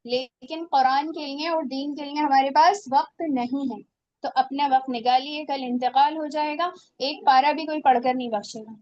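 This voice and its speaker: A woman's voice: high-pitched, fairly even intonation, normal speed, lo-fi sound. A woman teaching a religious class on Quran recitation, earnest and exhorting her students.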